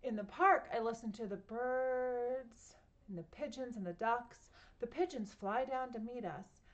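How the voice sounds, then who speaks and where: A woman at home reading a picture book aloud to children, gently stopping to ask them questions. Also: a little high, measured pace, muffled recording. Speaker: children's story reader.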